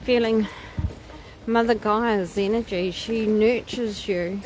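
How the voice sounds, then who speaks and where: Birds sing and outdoor noise fills this low-quality recording from a wooded walking trail, where a woman vlogger leads a nature walk. She muses casually in live commentary with exclamations of wonder, her mid-range voice steady, slow, and a little mellow.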